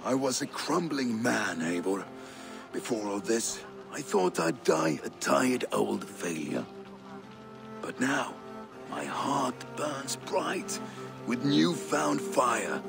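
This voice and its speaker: Aging Norse warrior, world-worn yet fiery, very gravelly, unhurried, video game drama. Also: male voice, mid-range voice, big pitch swings, over music, exaggerated voice. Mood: earnest, reflective. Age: middle-aged.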